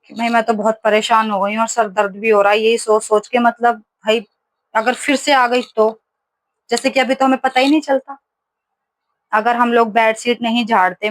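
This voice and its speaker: A woman in her thirties chats casually for her home vlog from her kitchen. Her voice sits a little high and sounds close and dry, and she rambles through stories with plenty of fillers. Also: dry recording. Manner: chatty storytelling with many fillers. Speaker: vlogger.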